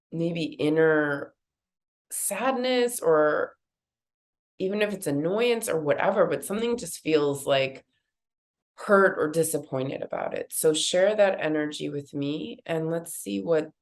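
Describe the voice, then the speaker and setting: Low nasal woman leading a card reading. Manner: casual, rambling, many fillers. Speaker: card reader. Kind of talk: guided intuitive card reading.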